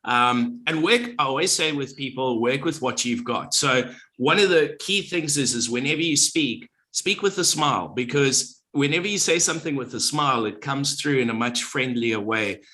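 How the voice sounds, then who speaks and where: A man's voice: mid-range voice, moderate pace, few pauses, pushed and bright. A middle-aged man, a former radio presenter, speaking as a guest on a podcast in a confident, well-projected delivery. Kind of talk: podcast interview.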